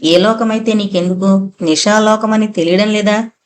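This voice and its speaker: A seductive, possessive female spirit from an audio novel, as a woman narrator puts her on. She coaxes in a soft, whispery way, luring her listener closer. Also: mid-range voice, fairly even intonation, moderate pace, lightly acted.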